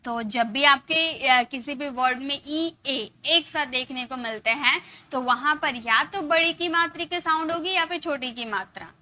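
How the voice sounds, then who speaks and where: A woman's voice: sits high, a little slow, bright, forceful tone. A woman teaching English pronunciation step by step, spelling letters aloud and checking in with "okay". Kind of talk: casual teaching lesson.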